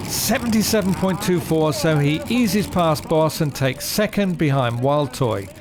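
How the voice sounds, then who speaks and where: A man's voice: fairly high pitch, expressive, measured pace. A man commentating as a tractor pull announcer, calling runs and distances in a motorsport style. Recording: loud engine and vehicle noise. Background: roaring tractor engines.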